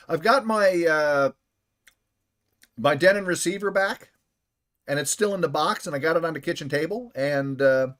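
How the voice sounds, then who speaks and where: A man streaming a game from home, chatting casually and playfully with his viewers and inventing silly words. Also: high-pitched. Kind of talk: casual live stream chat.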